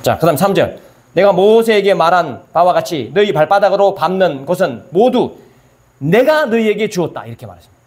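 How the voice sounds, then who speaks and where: A man's voice: sits high, sing-song, fairly quick. A male pastor preaching a sermon. He asks his listeners questions and answers them himself, and he acts out scripture in casual everyday speech.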